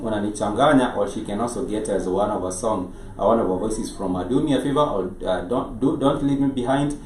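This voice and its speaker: A man with a Kenyan accent hosting a live show, speaking in a halting way and often rephrasing himself. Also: medium pitch, a little mellow. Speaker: show host. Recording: echoey, noisy room, distant mic.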